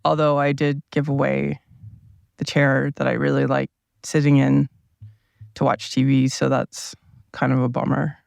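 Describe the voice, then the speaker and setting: Guy talking to a tablet mic in his rv first thing in the morning, kinda monotone, just rambling along, dry close sound. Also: medium pitch, measured pace, gravelly, dry recording. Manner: meandering, relaxed, thinking aloud with many asides. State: low, groggy morning voice. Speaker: podcast host. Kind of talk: casual rambling solo podcast. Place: seated at a table inside a parked RV. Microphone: small mic powered by a tablet.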